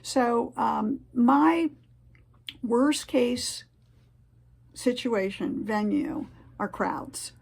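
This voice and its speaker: A woman's voice: fairly high pitch, extremely slow, gravelly, pauses often, a little mellow, breathy edge. A woman giving casual, earnest advice to the camera, rambling a little with fillers and restarts. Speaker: vlogger sharing tips.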